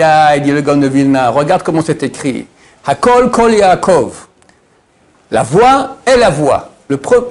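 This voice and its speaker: A man, a rabbi giving a Torah lesson, with a high voice that swoops wildly from low murmurs to bright peaks. He talks animatedly and quizzes his students as he goes.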